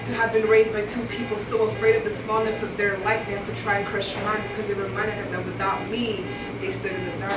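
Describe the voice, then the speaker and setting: A woman from Rwanda with a fairly high voice performs spoken word poetry live, earnest and rhythmic, leaning into repeated phrases. She sounds distant from the microphone in an echoey room, with music clearly audible behind her. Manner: earnest, rhythmic, building repetition. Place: indoor live venue.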